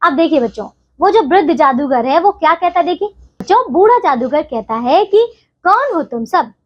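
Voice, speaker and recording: A woman teacher walks children through a textbook story, checking in with them often. Her voice is high and very lively in pitch. The recording sounds somewhat dull and lo-fi. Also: brisk. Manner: explaining, frequent check-ins with the children.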